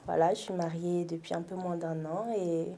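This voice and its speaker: A woman's voice: on the low side, level tone, normal speed. A woman in her twenties from France, talking through her story as an interview guest, thoughtful and full of fillers. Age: 20s. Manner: thoughtful, with frequent fillers and soft laughs. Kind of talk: casual interview conversation.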